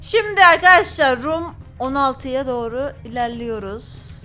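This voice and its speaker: Bright-voiced woman playing a horror game. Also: sits high, measured pace, faint music behind. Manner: jumpy, talks to viewers, reads in-game notes aloud. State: frightened. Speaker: gaming channel host. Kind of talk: horror game let's-play commentary.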